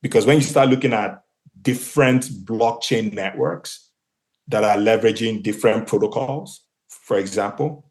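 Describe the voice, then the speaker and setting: As co-founder and CEO of a marketplace, this Nigerian podcast guest, a native Igbo speaker, gives a thoughtful interview answer packed with fillers and false starts. His voice runs on the low side, with a darkish tone and a moderate pace.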